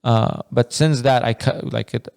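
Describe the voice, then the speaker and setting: Gravelly Afghan-born man chatting casually. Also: medium pitch, a little slow, dry recording, studio quality. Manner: laughs often, relaxed slangy storytelling. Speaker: podcast co-host. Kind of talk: casual chat.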